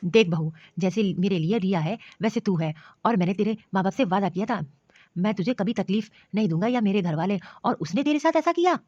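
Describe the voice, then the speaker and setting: A woman's voice: mid-range voice, expressive, fairly quick, dark tone, no room sound, natural voice. A woman voicing a stern but caring elderly father-in-law in a cartoon story, scolding and commanding. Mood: outraged. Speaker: cartoon voice actor. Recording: dull lo-fi dry recording.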